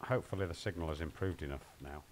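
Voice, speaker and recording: A man's voice: a bass voice, fast talker, slight background noise. A man rambling and joking with his viewers while he plays and streams from home. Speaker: game streamer. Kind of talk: casual live-stream chat.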